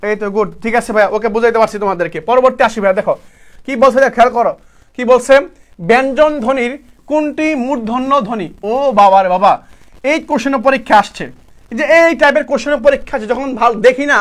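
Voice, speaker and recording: Young guy teaching a live class, really high voice, keeps asking and answering his own questions. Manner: repetitive, drilling students with quick questions and answers; colloquial, addresses students as brother. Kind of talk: live online exam-prep class.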